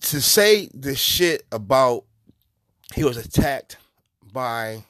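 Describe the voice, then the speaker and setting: A man hosting a podcast, giving profane, mocking comedic commentary in an animated way. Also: mid-range voice, takes it slowly, dry recording, clean studio sound. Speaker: podcast host.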